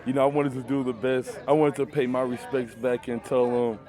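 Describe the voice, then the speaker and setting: A man's voice: mid-range voice, level tone, a little fast. Young male college athlete from Michigan, casual earnest interviewee, lots of fillers, outdoor crowd noise behind. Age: young adult. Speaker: college football player and interview guest. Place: outdoors at a youth football camp.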